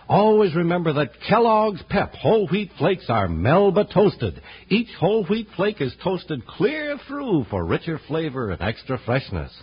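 A man's voice: a little high, husky. A man announcing and narrating in a chummy, folksy 1950s radio style for kids. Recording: dull old radio recording.

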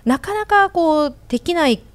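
A woman's voice: extremely high pitch, lively intonation, moderate pace. A woman co-hosting a podcast interview, chatty and encouraging as she draws out the guest. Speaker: podcast co-host, former announcer applicant.

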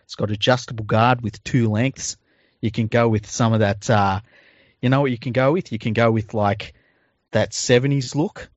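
A man's voice: mid-range voice, steady tone, moderate pace, no room sound, muffled recording. An Australian man co-hosting a podcast in casual chat and informal ad reads, with a jokey, informal manner. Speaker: podcast co-host.

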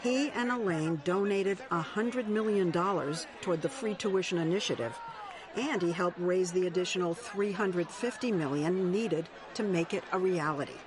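A woman correspondent narrating a news segment in a measured, scripted way. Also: fairly low pitch, a crowd in the background.

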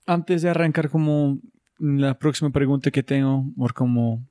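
A man hosting a casual interview who speaks haltingly and searches for his words as he builds his questions. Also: mid-range voice, flat delivery, mellow. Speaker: podcast host.

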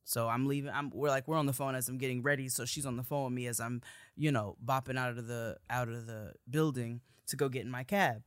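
A woman's voice: extremely low pitch, steady tone, a little fast, no echo, studio quality. A young woman, a podcast co-host and student, telling a story in a casual chat with emphatic, profane bursts.

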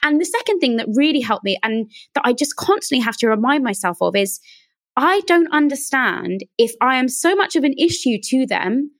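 A woman's voice: sits high, very animated, moderate pace. A woman hosting a podcast who speaks earnestly and reflectively about her own doubts, with repeated emphasis. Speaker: podcast host. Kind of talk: casual conversation.

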